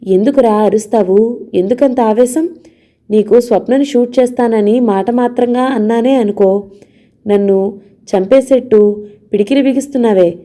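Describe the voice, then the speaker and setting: A woman's voice: fairly high pitch, normal speed, long pauses, mellow, natural voice. A woman voicing a domineering middle-aged man who harshly scolds and threatens his younger brother in an audio novel. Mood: scolding.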